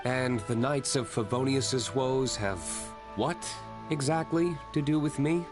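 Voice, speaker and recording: A man's voice: mid-range voice, unhurried, over music, close to an everyday voice. An actor voicing a stern, aloof male winery owner in a game who speaks curtly and coldly. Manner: curt, cold, clipped. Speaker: game character. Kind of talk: game voice acting.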